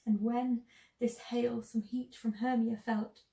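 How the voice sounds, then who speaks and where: A young woman acts out a sorrowful, lovelorn heroine of classical drama. Her voice sits a little high and moves slowly, with theatrical pauses that weigh each phrase. The room adds a clear echo around her. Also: flat delivery, mellow, recorded from a distance. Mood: wounded. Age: young adult. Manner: sorrowful, measured, theatrical delivery with long pauses. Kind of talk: dramatic classical Shakespeare monologue. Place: small bedroom, indoors. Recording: roomy echo.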